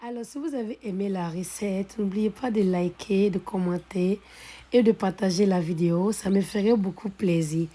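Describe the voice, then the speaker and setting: A woman hosting a cooking video, calmly narrating each recipe step, her voice a little hoarse from being ill. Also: mid-range voice, moderate pace. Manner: calm, methodical, repeats set phrases. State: slightly hoarse from illness. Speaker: cooking channel host.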